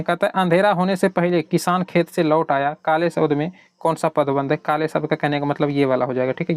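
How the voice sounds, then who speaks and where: A man's voice: fairly high pitch, a little mellow, dry recording. A man teaching an online exam prep lesson with a Bihari Hindi accent, explaining step by step and answering his own questions.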